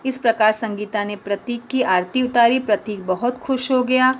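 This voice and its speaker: A woman's voice: fairly high pitch, moderate pace, a little hiss or hum. A woman teacher reading a dialogue lesson aloud and explaining words directly to her pupils.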